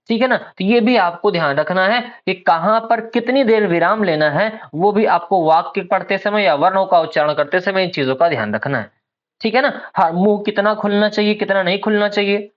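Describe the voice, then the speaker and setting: A man's voice: sits high, dull audio. A man teaching an exam-prep lesson, explaining patiently, calling his students "beta" and often checking that they follow.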